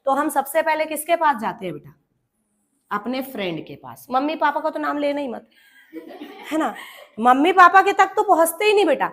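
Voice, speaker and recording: A high-pitched woman teaching an English grammar class. She speaks to her students in a familiar way, calling them "beta," and turns grammar words into little characters who talk to each other. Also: a bit bright. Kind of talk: classroom lesson.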